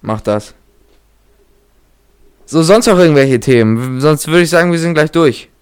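A young man chats casually as a podcast co-host. His voice sits a little high and sounds crisp and smooth. He speaks in youth slang and drops in English interjections. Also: expressive, unhurried. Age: young adult. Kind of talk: casual chat.

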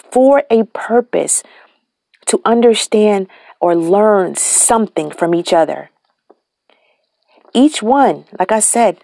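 A woman's voice: fairly low pitch, vocal fry, a little mellow, dry recording, clean studio sound. A woman giving an earnest motivational talk, speaking straight to her listeners and dropping to a whisper for emphasis. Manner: earnest, preachy, addresses listeners directly. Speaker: inspirational speaker. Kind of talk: motivational monologue.

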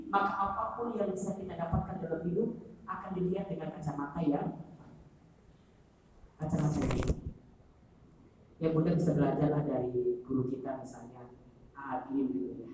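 A woman preaches to a female audience, slipping into little acted exchanges as she goes. She sits far from the microphone in a large, heavily echoing hall. A steady noise hangs behind her voice. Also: mid-range voice. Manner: animated, acts out dialogue with shifting voices. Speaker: religious speaker. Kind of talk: religious lecture to women. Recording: echoey hall from far off, noisy.

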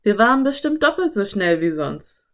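A woman's voice: medium pitch, sing-song, moderate pace, a bit bright. A woman voicing a cautious, bookish young boy in an audiobook, speaking earnestly and a little emphatically.

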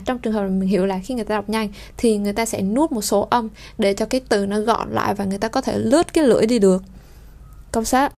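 A woman from Vietnam teaching French pronunciation, explaining at length and reading French example sentences slowly and clearly. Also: medium pitch, darkish tone. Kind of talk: explanatory lesson.

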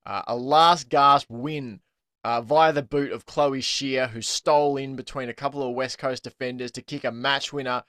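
Australian man, podcast host, mid pitch, dry sound, chatty and laughing. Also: steady tone, normal speed, a bit bright, dry recording. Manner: chatty, laughs often, many ums. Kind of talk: casual sports podcast chat.

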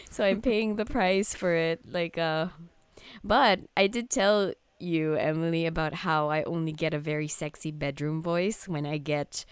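A woman's voice: low voice, a little slow, clean tone, no echo. A young woman co-hosting a casual podcast, chatty and giggly, her voice congested from a cold and sore throat. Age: young adult. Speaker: podcast co-host.

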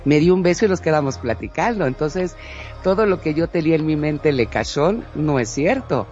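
A woman's voice: sits low, normal speed. A woman chatting casually, telling a personal story with laughter and acted-out quotes. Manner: animated, laughs often, acts out quoted lines. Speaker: guest sharing a story. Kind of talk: casual chat. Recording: slightly dull lo-fi audio, faint music.

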